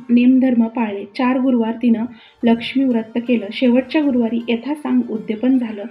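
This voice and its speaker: A woman narrating a devotional folk tale in a steady, plain-spoken way. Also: a little high, highs cut off. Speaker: storyteller.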